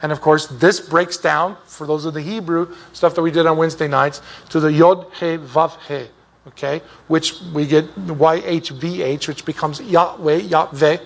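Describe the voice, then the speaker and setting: Rambling, slightly high-voiced male Bible teacher. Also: fairly even intonation, normal speed, vocal fry. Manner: rambling and digressive, with many restarts. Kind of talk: informal Bible class teaching.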